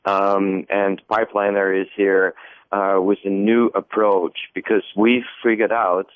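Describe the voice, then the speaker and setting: A man's voice: on the low side, little pitch movement, measured pace, smooth, dry recording. A man from Austria with an Austrian accent, a radio interview guest giving long, enthusiastic answers full of fillers and restarts over a phone line.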